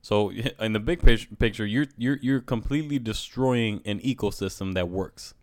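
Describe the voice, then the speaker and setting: Male, lowish voice, talkative and emphatic casual conversationalist, close dry sound. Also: normal speed, darkish tone, no echo. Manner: emphatic, talkative, says "bro" often.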